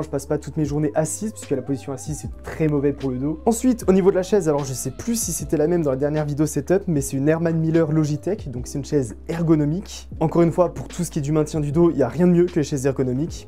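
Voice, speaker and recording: A streamer and video creator in her late twenties gives a casual, chatty, self-mocking tour of her studio setup in vlog style. Her voice is low and mellow.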